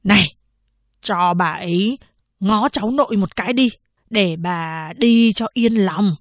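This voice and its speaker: A woman voicing a gruff, scolding old male town chief in an audiobook. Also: medium pitch, a little slow, no room sound, natural voice. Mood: grave. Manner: scolding, shouting.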